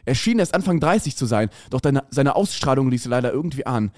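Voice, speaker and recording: A man's voice: mid-range voice, animated, fast, no room sound, studio quality. Man reading a dramatic story. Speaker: podcast co-host reading his story.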